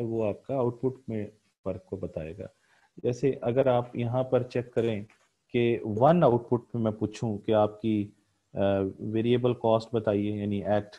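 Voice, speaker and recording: A man's voice: on the low side, muffled recording. A man giving a recorded economics lecture, explaining a graph step by step with frequent "uh" fillers and repeated pointing words.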